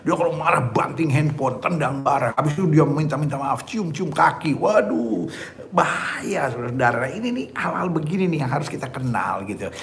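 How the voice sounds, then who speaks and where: A man's voice: fairly high pitch, expressive, normal speed. A man preaching a sermon, emphatic, often asking his listeners "ya kan?" and calling them "saudara-saudara". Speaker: pastor. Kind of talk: sermon on dating.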